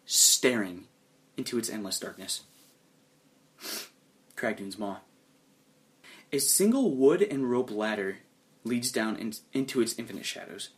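Animated male game master narrating. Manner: lively, dramatic storytelling that drops low and hushed for suspense.

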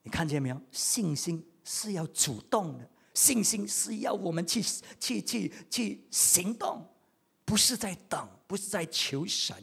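Male pastor, high raspy voice, animated sermon with loud bursts and hushed asides. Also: unhurried. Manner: animated, swings between loud outbursts and quiet asides; repeats words for emphasis.

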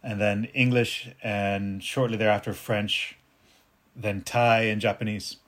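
Middle-aged guy with a lowish voice, talks slow and thoughtful, lots of restarts. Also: level tone, a bit bright. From born in Detroit, raised partly in North Africa and the US. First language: Arabic. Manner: reflective, unhurried, with frequent restarts. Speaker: capoeira teacher and martial artist. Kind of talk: casual interview talk.

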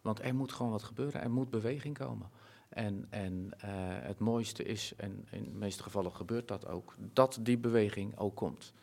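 Earnest, low-voiced Dutch-speaking man. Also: moderate pace, vocal fry, few pauses, darkish tone. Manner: earnest, reflective, many fillers and restarts. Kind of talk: conversational interview.

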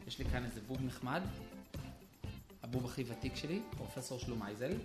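A young man, a puppeteer and theatre director, talking softly and hesitantly with many fillers. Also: medium pitch, over music. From Israel. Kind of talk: interview and puppet show patter.

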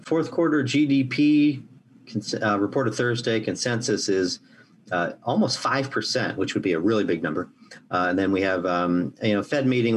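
A very low-voiced American man gives unscripted analyst commentary. His phrasing is measured and hesitant, with faint noise behind him. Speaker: market analyst on a podcast.

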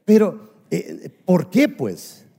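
Pastor guy preaching, mellow fairly high voice, long church reverb. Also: big pitch swings, drawn-out words, gravelly, husky. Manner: preaching with rhetorical questions and acted-out quotes. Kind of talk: sermon. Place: US church sanctuary.

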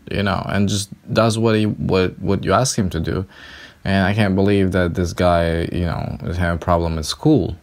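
Slow, deep-voiced man ranting. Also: vocal fry. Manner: ranting, profane, exasperated. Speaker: English tutor. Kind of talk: casual podcast monologue.

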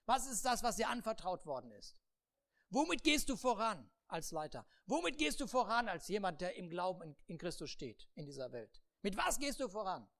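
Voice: medium pitch, big pitch swings, moderate pace, a bit bright. A preacher giving a humorous sermon, acting out the people in the Bible story and laughing often. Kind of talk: sermon with acted-out Bible scenes.

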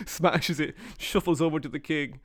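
A man's voice: fairly high pitch, animated, a little slow, fairly bright tone. A man narrating a tabletop game as game master.

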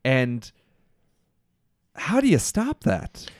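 A man co-hosts a casual tabletop gaming podcast, often cutting in with quick agreement and jokes. His pitch swings widely through each line. The sound is dry and close to the mic. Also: dry recording. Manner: animated, quick interjections and agreement. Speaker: podcast co-host, game master. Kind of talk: casual chat.

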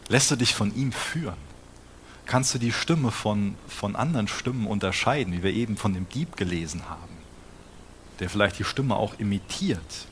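A man's voice: lowish voice, moderate pace, a bit bright, a little hiss or hum. A man preaching a sermon in an earnest tone, often putting direct questions to his listeners.

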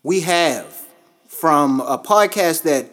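A man, hosting a casual podcast. He talks in a loose, slangy, laid-back way, with a voice sitting a little high for a man. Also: expressive, slow, a bit bright. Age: 30s. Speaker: podcast host.

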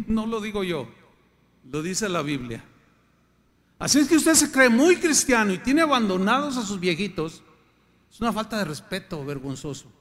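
A man's voice: sits high, very animated, moderate pace, long pauses, a bit bright. Older male pastor, Mexican accent, emphatic sermon delivery, long church-hall reverb. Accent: Mexican Spanish. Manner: emphatic preaching, acts out quoted voices.

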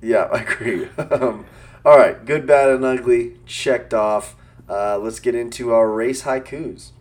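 A man's voice: mid-range voice, fairly even intonation, unhurried. A man co-hosting a casual racing podcast, joking and laughing often with plenty of fillers. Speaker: podcast co-host.

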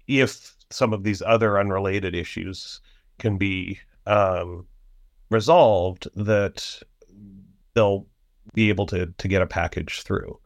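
A man analysing foreign policy in a halting way, with many fillers and restarts. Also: low voice, gravelly, dry recording. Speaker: panel guest analyst. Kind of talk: policy discussion.

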